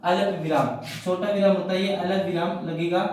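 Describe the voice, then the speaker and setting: A man's voice: high-pitched, steady tone, moderate pace, darkish tone. Man teaching in a very echoey room. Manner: repetitive, asks and answers his own questions. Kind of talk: classroom-style explanation. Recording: very echoey room, mic far off.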